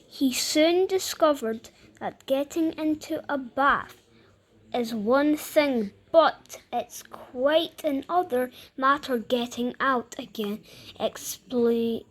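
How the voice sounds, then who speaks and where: A woman reading a picture book aloud, breaking off often for playful, chatty asides about the pictures. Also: high-pitched. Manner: playful, chatty commentary between lines. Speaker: storybook reader.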